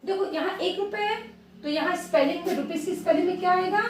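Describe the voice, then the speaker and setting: A woman teacher with an Indian accent, patiently dictating a maths lesson to young children, repeating each word slowly. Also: extremely high pitch, background noise. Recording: echoey room, voice from far off.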